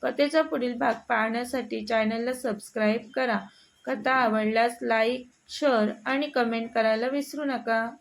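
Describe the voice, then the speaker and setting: A woman telling a story in a slightly gravelly voice. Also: fairly high pitch, steady tone, unhurried, rough recording. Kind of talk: scripted narration.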